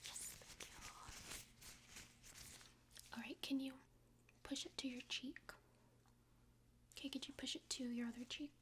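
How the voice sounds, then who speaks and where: A woman whispers throughout a whispered role-play as a doctor, her voice sitting slightly high. She walks the listener through each test with gentle, reassuring instructions. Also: fairly even intonation, unhurried, pauses often. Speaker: ASMR creator playing a doctor.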